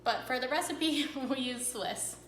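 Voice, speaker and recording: A woman's voice: sits high, measured pace, fairly bright tone, roomy sound, a little hiss or hum, poor audio. A young woman hosting a cooking vlog, chatting casually to camera with a rambling, filler-filled manner.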